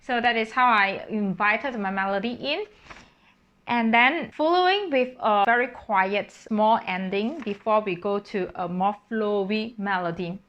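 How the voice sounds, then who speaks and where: A woman's voice: medium pitch, unhurried, lo-fi sound. A woman, a singer-composer, casually explaining how she wrote her piece, thinking aloud and breaking into sung solfège syllables. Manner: thinking aloud with fillers and self-corrections.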